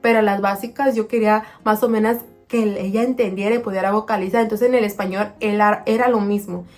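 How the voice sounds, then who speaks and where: A woman chatting to viewers as a vlogging mother, slowing down to say words very clearly when she shows how she taught them. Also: mid-range voice, fairly even intonation, darkish tone, soft background music. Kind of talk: casual storytelling to viewers.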